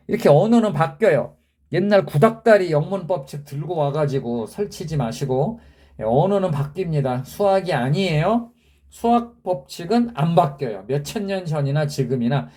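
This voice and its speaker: In this grammar lesson, a man's slightly high, warm voice spells word endings out one letter at a time while he repeatedly and emphatically tests the viewer.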